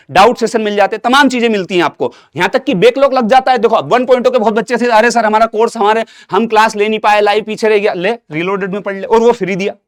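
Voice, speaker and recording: Young indian-mixing guy teaching exam prep, talks quick like a big bro, dry room. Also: high-pitched, no room sound. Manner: addresses students as a big brother, repeats and asks rhetorical questions. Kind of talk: online exam-prep lesson.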